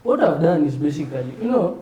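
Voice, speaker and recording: A man with a Kenyan accent, a guest on a casual podcast, telling stories in a relaxed manner. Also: fairly high pitch, fast talker, crowd noise, poor audio. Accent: Kenyan English. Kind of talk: casual round-table chat.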